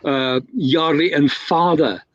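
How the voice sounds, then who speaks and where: Slightly high-voiced and slow, a male guest rambles through an extended anecdote, dotted with fillers, restarts and self-corrections. The recording is dry, dull and lo-fi.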